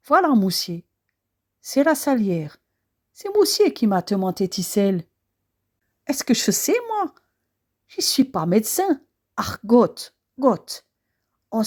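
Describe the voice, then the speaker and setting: A woman's voice: a little high, darkish tone, breathy edge, exaggerated voice. A woman voicing a sleepy, grumbling maid with a put-on Alsatian accent, yawning through short replies.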